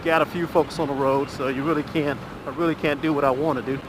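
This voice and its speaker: Riding along a country road, a middle-aged man vlogs on his motorcycle in an easygoing, talkative way with long, drawn-out filler pauses. His pitch is fairly high. The helmet mic captures the engine's rumble, road noise and gusts of wind.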